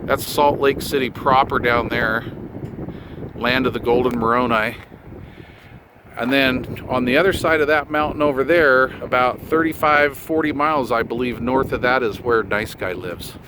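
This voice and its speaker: A middle-aged man with a mid-range voice speaks at normal speed in an off-the-cuff outdoor vlog and radio chat. A hobbyist, he keeps it laid-back, folksy, and full of slang, recording beside his vehicle on a hillside road with windy noise and vehicle sounds behind him.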